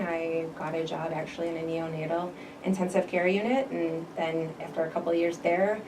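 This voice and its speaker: A woman, a pharmacist guest, describing her career steadily in a podcast interview. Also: deep voice. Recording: distant mic with clear background noise.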